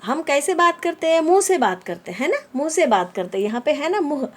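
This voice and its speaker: A woman teaching a lesson to children, repeating each word slowly, explaining it in English and often asking if they understand. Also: high voice, sing-song. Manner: slow, repeating words and explaining them in English.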